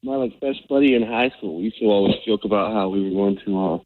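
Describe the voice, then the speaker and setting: A male radio caller chatting casually in a relaxed, rambling way, his voice coming through a muffled, tin-can-like phone line over headphones. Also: fairly low pitch, fast, dry recording. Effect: muffled tinny phone line through Bluetooth headphones. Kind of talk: casual chat.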